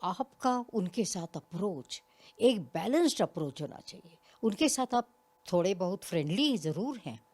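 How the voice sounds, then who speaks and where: A woman's voice: medium pitch, sing-song, moderate pace. An older woman, a retired college principal, speaks reflectively as an interview guest and explains her points with small examples. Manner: reflective, explains with examples, occasional soft laughs. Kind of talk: interview conversation.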